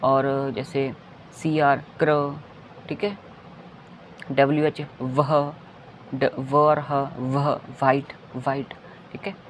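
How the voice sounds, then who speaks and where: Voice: medium pitch, flat delivery, drawn-out words, long pauses, a little hiss or hum. A phonics teacher giving a kindergarten lesson, spelling out letters one by one and repeating each word. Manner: says "theek hai" between points.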